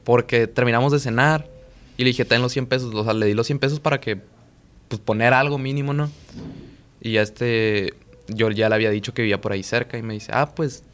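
A man's voice: medium pitch, steady tone, brisk. A young man with a Mexican Spanish accent, casually telling a long, profane story on a podcast and acting out the lines of the people in it. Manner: slangy, profane, rambling, quotes himself and others. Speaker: podcast co-host.

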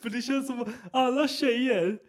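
A man in his thirties co-hosting a podcast, chatting casually with lots of swearing and acting out his son's lines. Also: extremely high pitch. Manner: lively, swearing, quotes his son in voices. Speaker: podcast co-host. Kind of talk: casual chat.

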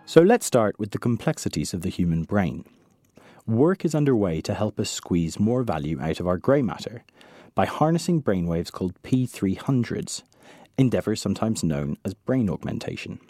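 A man presents a science podcast with bright curiosity and very animated intonation. His voice is mid-pitched and mellow in tone. The recording is close and dry, sometimes with light music underneath. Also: normal speed, no room sound. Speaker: science show host. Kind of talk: scripted podcast presenting and interviewing.

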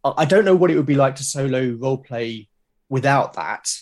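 Explaining his working process in a conversational podcast interview, the British creator of a solo role-playing show pauses and restarts phrases often, thoughtful and halting. He has a man's average pitch, a darkish tone, and lively intonation.

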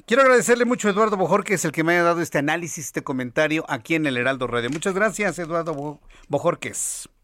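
Radio host, bright and dry. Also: male voice, fairly high pitch, lively intonation, fast talker, few pauses, no room sound. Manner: chatty, leading questions with frequent "ujú" backchannel. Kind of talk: radio talk show hosting. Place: radio studio. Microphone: studio microphone.

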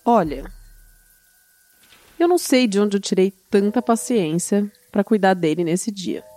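A woman telling a story in a casual chat, animated and often laughing. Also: mid-range voice, a little slow. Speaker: storyteller guest.

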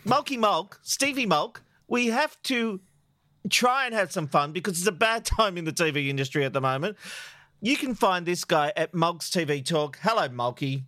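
A man's voice: high voice, animated, normal speed, sharp tone, no echo, clean studio sound. A man hosting a podcast in casual chat, laughing often and poking fun at himself. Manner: laughs often, self-mocking. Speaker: podcast host.

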